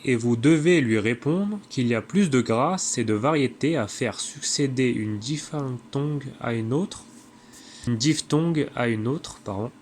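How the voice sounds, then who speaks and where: A man reading a classic text aloud in a measured way, now and then stumbling and correcting himself. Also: mid-range voice, a little mellow, a little hiss or hum. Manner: measured, with occasional slips and self-corrections. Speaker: reader.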